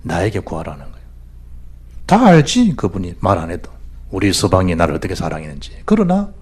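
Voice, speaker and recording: A male pastor with a Gyeongsang accent preaching a sermon in church, swinging between loud exhortation and hushed asides. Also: deep voice, wildly swooping pitch, quick pace, breathy edge. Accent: Gyeongsang Korean.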